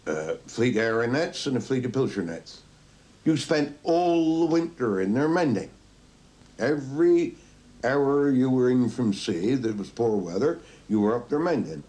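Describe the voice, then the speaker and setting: A man's voice: medium pitch, warm tone. An older man with a Cornish accent, a retired fisherman telling blunt, emphatic stories from his past. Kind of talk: reminiscing interview.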